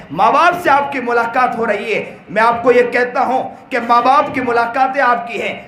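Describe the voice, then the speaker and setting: A man's voice: very high-pitched, pushed and bright. An older man preaching a sermon to students, telling emotional stories and repeating invocations. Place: large hall at a religious gathering. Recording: echoey hall with faint noise.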